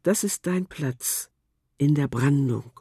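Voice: medium pitch, takes it slowly, warm tone, husky, no room sound, clean studio sound. A narrator voicing a kind, determined little girl in a storybook. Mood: tender. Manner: earnest, caring.

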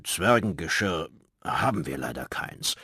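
A man voicing a big, burly, red-haired male giant who booms his words in a children's radio story. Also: very animated, a little slow, sharp tone, no room sound, studio quality, heavily acted. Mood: booming. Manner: booming, gruff.

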